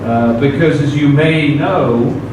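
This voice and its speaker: A man with a voice on the high side speaks slowly and deliberately as a guest lecturer at a university seminar, giving a formal conference talk dotted with "uh" fillers. He sounds far from the mic in a very echoey room with background noise.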